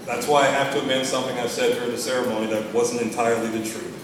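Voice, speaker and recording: Middle-aged American male, father of the bride speech, medium pitch, sentimental with gentle humor, heavily reverberant and noisy recording. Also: little pitch movement, racing, far from the mic. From Texas, United States. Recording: echoey room from afar, noisy.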